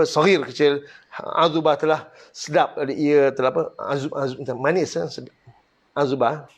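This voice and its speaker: A man with a Malaysian Malay accent teaching Quranic Arabic grammar online, drilling words one by one and correcting mistakes. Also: a little high.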